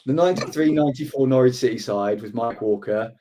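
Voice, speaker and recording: A man's voice: mid-range voice, fast talker, dark tone, slight background noise. A man bantering casually as a podcast host.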